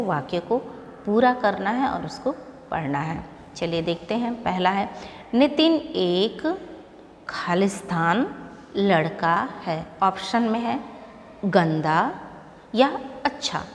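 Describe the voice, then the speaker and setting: A woman teaching a lesson to young students, speaking slowly and patiently and repeating each word aloud for them to echo. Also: fairly low pitch, slight background noise.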